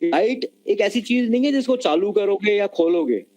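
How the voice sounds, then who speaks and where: A man's voice: high voice, animated, normal speed, mellow, poor audio. A man giving an online lecture on communication skills, explaining patiently and mixing Hindi and mid-sentence over a video call. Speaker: webinar lecturer.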